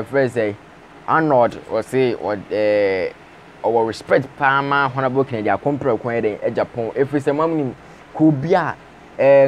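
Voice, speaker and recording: A young man presents the news in a steady spoken commentary, with frequent fillers, recorded on an earphone mic in a small room. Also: medium pitch, a little hiss or hum. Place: small indoor room with patterned wallpaper. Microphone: wired earphone mic, webcam framing.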